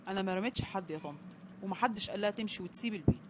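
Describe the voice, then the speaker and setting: A woman's voice: mid-range voice, very fast, noisy background, close to an everyday voice. Woman voicing a polite firm young Egyptian husband. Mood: defensive. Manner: polite, defensive.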